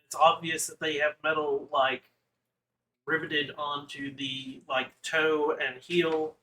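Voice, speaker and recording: Game master, man, high bright voice, slow, halting delivery. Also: little pitch movement, a little hiss or hum, rough recording. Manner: halting, describes with many fillers. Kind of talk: narrating a tabletop game.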